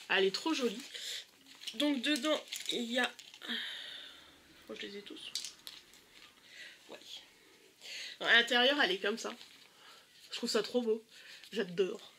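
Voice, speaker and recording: A woman's voice: on the high side, background noise. A young woman with a stuffy nose, chatting casually and eagerly through a makeup haul with many hesitations. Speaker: beauty vlogger.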